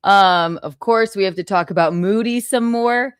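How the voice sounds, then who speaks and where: A woman's voice: medium pitch, normal speed, clear, resonant tone, dry recording, studio quality. Theatrical, sassy woman hosting a livestream. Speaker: live stream host. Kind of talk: casual gossipy livestream chat.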